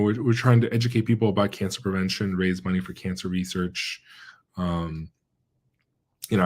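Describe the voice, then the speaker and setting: Hesitant soft-spoken male guest. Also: fairly low pitch. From born in China, raised in the American Midwest and central Pennsylvania. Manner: hesitant, many fillers and restarts. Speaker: guest epidemiologist. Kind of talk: casual interview chat.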